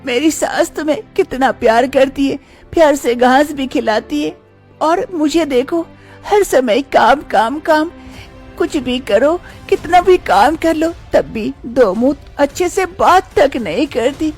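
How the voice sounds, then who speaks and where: A woman's voice: high voice, expressive, unhurried, darkish tone, faint music behind, pitched above the performer's own voice. A woman voicing a sad, unloved young daughter-in-law in a storybook tale, speaking in a plaintive, self-pitying lament. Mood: wistful, sorrowful. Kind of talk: storybook character voice.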